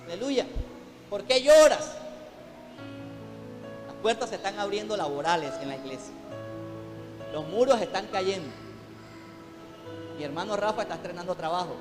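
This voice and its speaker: High-voiced fervent preacher man, echoing church. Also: a little fast, long pauses. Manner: fervent preaching, calling to the congregation. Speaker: pastor. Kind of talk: sermon. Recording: long hall reverb, faint music behind.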